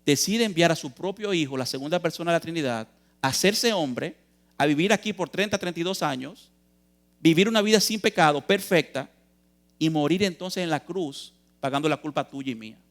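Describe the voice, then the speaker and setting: Earnest preaching man, fairly high voice. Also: fairly quick. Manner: earnest, emphatic, asks and answers questions; addresses listeners as brothers. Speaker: youth preacher. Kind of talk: sermon. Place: church youth meeting.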